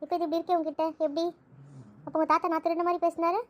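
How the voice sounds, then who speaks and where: A gossipy young woman who rattles on with complaints , as a woman acts her. Her voice is high and her speech is quick. It is an amateur audio drama. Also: flat delivery. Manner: gossipy, chatty.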